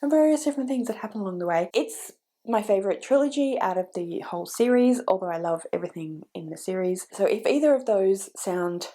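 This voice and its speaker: Speaking with a cold that leaves her voice stuffy and a bit croaky, a book vlogger gives casual recommendations to camera in a mellow, warm rather than bright tone. Her pitch is medium and her delivery animated and brisk, and she rambles, starting over and self-correcting as she goes.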